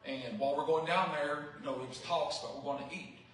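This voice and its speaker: A man's voice: on the high side, fairly even intonation, fast talker, a bit bright. A man in his fifties giving a rambling, anecdotal memorial speech. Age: 50s. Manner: rambling, anecdotal, with many fillers. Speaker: eulogy speaker. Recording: echoey hall, mic far off.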